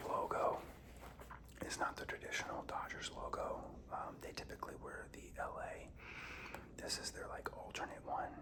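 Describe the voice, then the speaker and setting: A young man whispers in a casual ASMR storytelling style. His voice is breathy with a creaky edge, and he rambles haltingly while chewing gum. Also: very high-pitched. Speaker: ASMR host.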